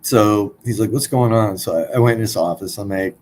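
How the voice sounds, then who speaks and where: A man's voice: on the low side, a little fast, darkish tone, a little hiss or hum, poor audio. A man in his forties, a podcast guest, telling a personal story in a blunt, casual way, swearing freely.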